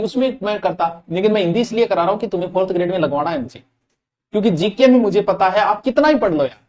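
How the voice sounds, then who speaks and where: His voice sits high and a little mellow: a Rajasthani-accented man teaching Hindi grammar to an online exam-prep class live. He talks with the students directly and drifts into local dialect.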